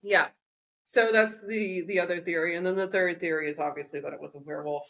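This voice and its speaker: Low-voiced woman, joking podcast co-host. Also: steady tone, a little fast, vocal fry, fairly bright tone. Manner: joking, rambling storyteller. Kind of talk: casual chat.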